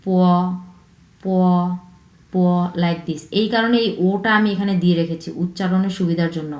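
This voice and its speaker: A woman's voice: lowish voice, darkish tone. Woman teaching in an echoey room. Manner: slow, repeats each sound three times; mixes English words into her explanations. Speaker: Chinese language teacher. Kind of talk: online language lesson.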